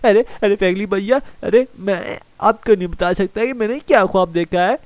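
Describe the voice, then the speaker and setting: A man's voice: high-pitched, brisk, no echo, close to an everyday voice. A man voicing a small mischievous boy in a fan game role-play, whiny and given to panicky cries. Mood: sulky.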